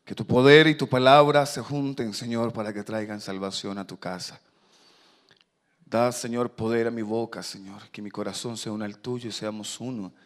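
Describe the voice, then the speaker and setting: A man's voice: on the low side, fairly even intonation, moderate pace. Fervent man praying from the pulpit. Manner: fervent, loud prayer, repeating "Señor". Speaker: pastor. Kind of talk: sermon and prayer.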